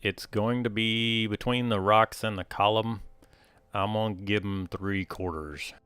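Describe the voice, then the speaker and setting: Man, game master, low pitch, clean resonant voice, casual colloquial narration, dry recording. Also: steady tone, unhurried, a bit bright, smooth, no room sound. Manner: colloquial, explanatory.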